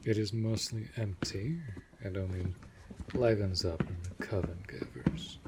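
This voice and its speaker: A man voices a deep, slow-spoken vampire lord, centuries old, courteous, possessive and protective of his manor, in an immersive roleplay spoken to the listener. The voice stays close to an everyday one, composed and courteous, with formal, measured, deliberate speech over loud background noise.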